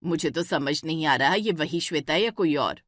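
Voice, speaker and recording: A woman voicing a stern, scolding middle-aged mother-in-law in a cartoon story, firing sharp questions at her daughter-in-law. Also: deep voice, animated, moderate pace, no room sound, clean studio sound.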